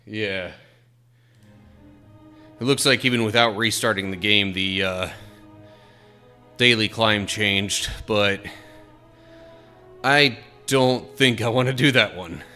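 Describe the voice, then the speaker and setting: Man, game streamer, unhurried, bright tone, rambling casual chat. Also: fairly low pitch, faint music behind. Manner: thinks aloud, hesitant and rambling.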